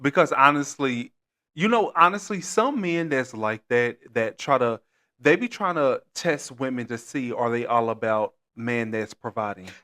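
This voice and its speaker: A man's voice: medium pitch, moderate pace, bright, forceful tone. Firm-spoken male co-host in casual chat.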